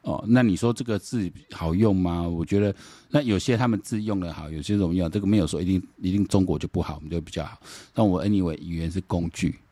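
A middle-aged man with a Taiwanese accent delivers a solo political commentary podcast. His voice sits low and dark, heard in a dry, close setting with no room sound. He rambles, repeats himself, and mixes in Taiwanese Hokkien. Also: fast, dry recording. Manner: rambling, repeats words, switches into Taiwanese Hokkien, mocking rhetorical questions.

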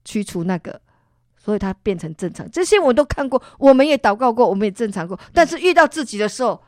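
A woman's voice: a little high, fast, no echo, clean studio sound. A middle-aged woman from Singapore with a Singaporean accent, a guest animatedly telling a faith story and acting out the people in it. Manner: animated storytelling, acts out voices.

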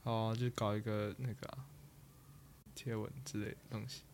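A man's voice: lowish voice, level tone, normal speed, a little hiss or hum. A young man telling a rambling story as a podcast co-host, trailing off and restarting. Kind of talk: casual chat.

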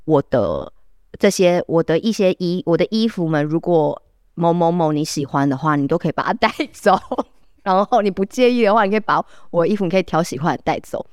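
A podcast co-host tells a long story in a Taiwanese Mandarin accent, restarting sentences with "then" and breaking into laughter. The voice sits at a middling pitch and sounds close and dry, with no room behind it. Other people get quick acted voices when quoted. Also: expressive, clean tone, no room sound. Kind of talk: casual storytelling chat.

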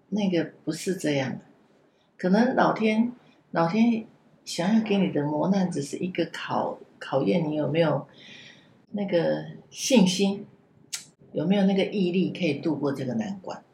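A woman telling a personal story in a casual podcast chat, halting and repeating words as she goes. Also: fairly low pitch, expressive, creaky, warm tone. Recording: roomy echo, faint background hiss.

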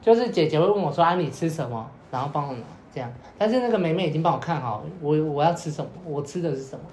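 A man's voice: on the high side, animated, fast talker, darkish tone. A young man, casually telling a long story on a podcast, rambling with repeated fillers and acting out what people said. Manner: rambling, many repeated fillers, acts out quoted lines. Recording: roomy echo with faint noise.

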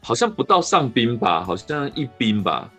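A man with a Taiwanese Mandarin accent hosting a podcast, telling a rambling, animated story in casual chat. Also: medium pitch, normal speed, soft background music. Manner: rambling, animated anecdote with restarts. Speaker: podcast host.

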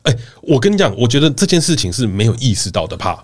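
Lively man telling stories. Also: medium pitch, quick pace. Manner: animated, swearing, storytelling. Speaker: podcast host. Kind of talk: casual chat.

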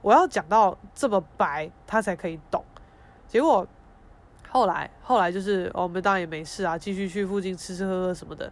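A young woman hosts a podcast. She tells stories in a frank, expressive, emotional way and swears casually. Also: on the low side, brisk. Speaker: podcast host. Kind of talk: casual storytelling monologue.

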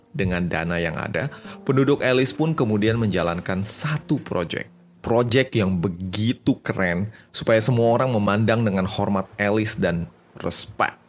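A man narrating history in a chatty, slangy way, dropping in English phrases. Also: fairly low pitch. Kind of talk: casual storytelling narration.

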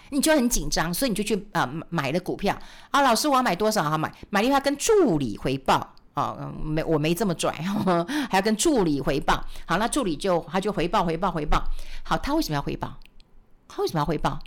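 A middle-aged woman with a Taiwanese Mandarin accent, hosting a finance show in casual, chatty talk. She laughs often and acts out little scenes as she goes. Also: medium pitch. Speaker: radio finance host.

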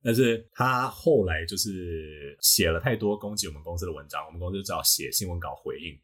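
A man with a Taiwanese Mandarin accent and a husky voice, casually explaining his views as a podcast host and teacher, often circling back over his words. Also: deep voice, fairly quick, a bit bright.

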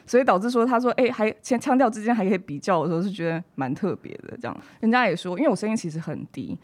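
A woman's voice: mid-range voice, expressive, quick pace. A woman, a young adult with a Taiwanese Mandarin accent, telling stories casually as a guest on a podcast. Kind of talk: casual conversational storytelling.

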